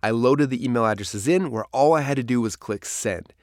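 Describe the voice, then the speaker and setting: A man with a medium-pitched voice, talking a little fast, reads his own memoir aloud as an audiobook. The recording is studio quality with no room sound, and his narration is storytelling in style, dramatic in places.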